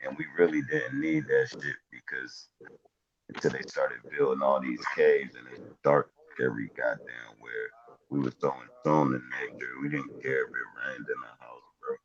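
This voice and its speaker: A man talking casually over a headphone mic that sounds muffled, as if heard from behind a wall, in a relaxed, slang-heavy, rambling way. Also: rumbling low, moderate pace, crowd noise. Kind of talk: casual conversation over a call. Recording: muffled lo-fi mic with faint noise.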